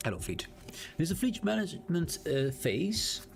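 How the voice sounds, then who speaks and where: Streaming a game live, this Dutchman from the Netherlands, whose first language is Dutch and who speaks with a Dutch accent, chats away, reads in-game text out loud and restarts his thoughts as he plays. His fairly high, gravelly voice is very animated at a moderate pace, with soft music behind it.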